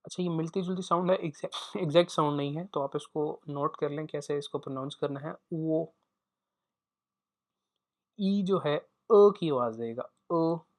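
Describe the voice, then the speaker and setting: A man teaching a pronunciation lesson, saying each sound slowly and repeating it for learners to copy. His first language is Urdu. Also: a little high, darkish tone. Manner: slow, deliberate, repeats each sound for practice.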